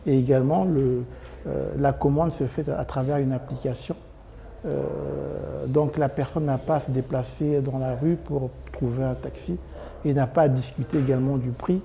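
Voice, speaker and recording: A man's voice: mid-range voice, steady tone, moderate pace, gravelly, dark tone, a little hiss or hum. A man in his forties from Congo, a company director answering interview questions hesitantly, with many ums and restarts. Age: 40s.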